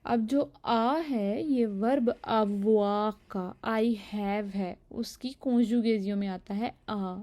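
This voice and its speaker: A woman's voice: medium pitch, slow pace, few pauses, dark tone. A woman teaching a language lesson, explaining pronunciation patiently and step by step.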